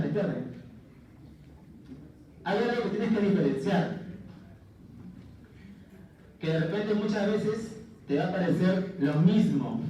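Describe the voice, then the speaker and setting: A man teaching a class in a mellow, slightly high voice, animated, checking in with his students and cracking jokes. The sound is muffled and distant, caught from far away. A strong echo fills the classroom, with faint noise underneath. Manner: jokey asides. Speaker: lecturer. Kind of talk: classroom lecture.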